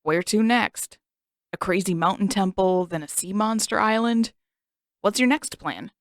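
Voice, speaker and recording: In a storybook reading, a woman voices a mocking, bossy teenage boy, the sarcastic older brother, speaking bluntly and dismissively a touch lower and louder than her narration. The delivery is unhurried and close to an everyday voice, recorded dry and close with no room sound.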